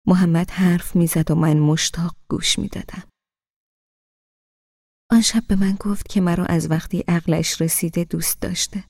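A woman narrating a novel in the first person, softly spoken and dropping at times to a near whisper. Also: lowish voice, fairly even intonation, vocal fry, no room sound, clean studio sound. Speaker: audiobook narrator.

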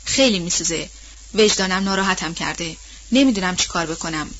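A woman's voice: lowish voice, fairly bright tone, lo-fi sound, slight background noise, lightly acted. A woman reading aloud and voicing an older female house servant who is anxious and guilt-ridden and speaks in a plain, colloquial way. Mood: troubled. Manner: plain-spoken, colloquial storytelling.

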